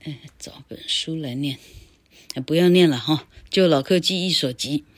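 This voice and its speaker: An older woman giving a casual online English lesson. She rambles and tags her phrases with a habitual "ha," and chants rules slowly, syllable by syllable. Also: low-pitched. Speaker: English teacher.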